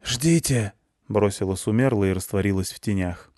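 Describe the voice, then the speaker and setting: Low-voiced male audiobook narrator. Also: normal speed, a little mellow, no echo, studio quality. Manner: wry, matter-of-fact storytelling. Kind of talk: first-person audiobook narration.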